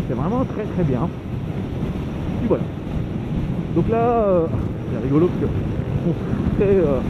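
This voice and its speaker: Chatty French man riding into loud wind. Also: on the high side. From France. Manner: chatty, rambling, laughs often. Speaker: motovlogger. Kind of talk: casual riding commentary. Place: on a motorbike on the open road. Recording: phone-like sound, loud wind noise.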